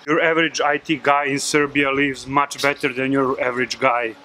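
A man in his thirties who runs a digital agency, answering interview questions in a relaxed way, with many fillers and restarts. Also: mid-range voice, normal speed. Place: outdoors on a city street. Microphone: filmed by handheld camera. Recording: noisy street recording.

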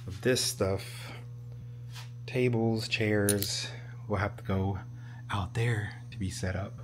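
A man talking through his day in a relaxed, chatty vlog, with easy fillers, into a handheld camera. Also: mid-range voice. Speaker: vlogger. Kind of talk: casual vlog narration.

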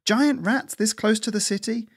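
A man voicing a sharp-tongued older female squirrel in a storybook reading, scolding and snappish. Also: high voice, moderate pace, slightly rough, voice pushed up. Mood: exasperated.

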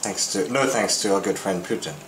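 A man's voice: sits low, fairly quick, fairly bright tone. A man hosting a casual chat, putting questions to his companions. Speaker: podcast host. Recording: echoey room with clear background noise.

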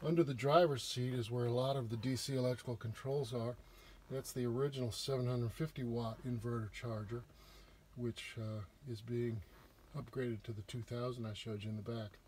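Walking through a large indoor RV repair shop, a Southern-accented man narrates the technical work in a casual, plain manner with some fillers. He speaks at a moderate pace in a medium pitch, with fairly even intonation and a slightly mellow quality, and there's a little background noise.

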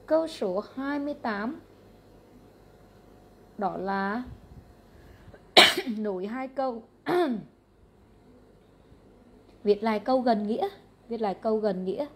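A woman with a Vietnamese accent, an English teacher going briskly through exam answers question by question, matter-of-fact and repetitive. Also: a little high, a bit bright.

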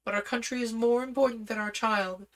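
A man's voice: extremely high pitch, steady tone, brisk, a bit bright, pitched above the performer's own voice. A man voicing a regal, commanding young princess in a storybook reading, with imperious urgency. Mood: urgent. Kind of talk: audiobook character voice.

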